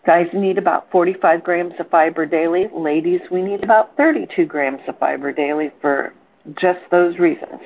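A woman's voice: lowish voice, normal speed, slight background noise. Older woman hosting a tinny phone call. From Portland, Oregon. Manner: cheerful, chatty, with fillers and self-corrections. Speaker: host of a wellness support call. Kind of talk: informal coaching talk on a conference call. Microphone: telephone. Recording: phone-line conference call.

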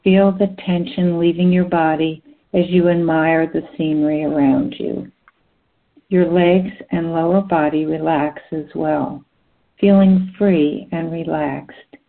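A woman with a slightly low voice guides relaxation as a hypnotherapist. She speaks very slowly and soothingly, leaving long pauses between short phrases. The sound is narrow and thin, like a phone call. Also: creaky. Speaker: clinical hypnotherapist.

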